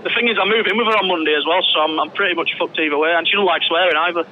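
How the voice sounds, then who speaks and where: A man's voice: on the high side, very fast, phone-quality sound. An English man chatting casually and laddishly as a fan guest on a football podcast. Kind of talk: casual chat. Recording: noisy outdoor stadium with traffic.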